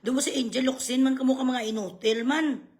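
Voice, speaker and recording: A woman's voice: high-pitched, fairly quick, a little mellow. A woman ranting in a vlog, mocking and sarcastic, swearing freely. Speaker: vlogger.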